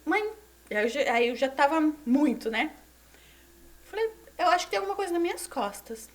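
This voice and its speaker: A Brazilian woman in her thirties, a former gymnast, tells her story as a podcast guest in animated, conversational fashion. Her high voice moves fairly quickly, repeating words for emphasis and sometimes dropping to a near whisper. She sounds somewhat distant from the mic.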